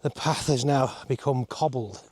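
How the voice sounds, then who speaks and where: On a forest hiking trail, a man who hosts a travel vlog chats casually as he climbs uphill, audibly exerted. His mid-range voice is a little mellow and moves at a moderate pace, with slight background noise behind it. The commentary is dryly understated and conversational.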